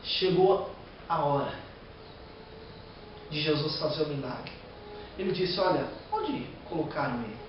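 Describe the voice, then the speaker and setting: A man's voice: a little high, lively intonation, measured pace, pauses often, heavy reverb, far from the mic, dull audio, noisy background. A man preaching a sermon with a Brazilian Portuguese accent, reading scripture aloud and breaking into emotional, rising outbursts.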